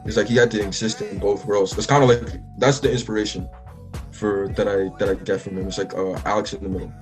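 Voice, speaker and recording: This young man from the Bahamas talks fast in a lowish, steady voice, with faint music behind him. He's a musician guest in a casual interview, rambling along with many "likes" and frequent restarts.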